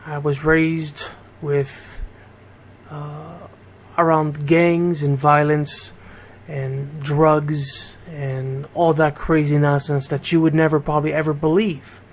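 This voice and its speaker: A middle-aged American man hosts a radio show from Bridgeport, Connecticut, speaking slowly with a fairly high, flat delivery. As a DJ, he keeps things conversational and talks right to his audience.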